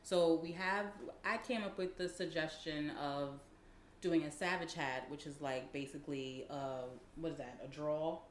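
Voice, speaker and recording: A woman's voice: sits low, fairly even intonation, a little slow, a little hiss or hum. A woman co-hosting a podcast in casual chat, blunt and profane, laughing often. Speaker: podcast co-host. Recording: echoey room.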